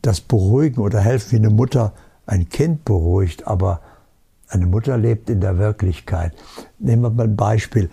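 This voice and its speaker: Low gravelly guy giving a calm spiritual talk, super husky, very sure of himself. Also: normal speed. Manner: calm, certain and emphatic, with rhetorical questions.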